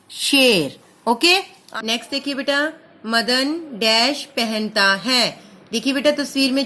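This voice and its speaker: A woman's voice: high voice, a bit bright. A woman teaching young children a Hindi lesson, patiently sounding out each syllable and affectionately calling the pupils "beta". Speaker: primary school Hindi teacher.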